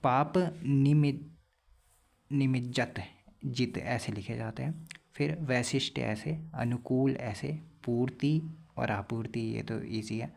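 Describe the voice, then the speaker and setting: A young man teaching a casual spelling lesson for exam prep, explaining plainly and repeating words slowly to correct them. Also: medium pitch, fairly even intonation, creaky, a little mellow.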